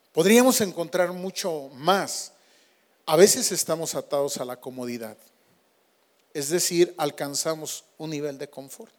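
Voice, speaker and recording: High-voiced man preaching a sermon. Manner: emphatic preaching with swings from loud to hushed. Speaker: pastor.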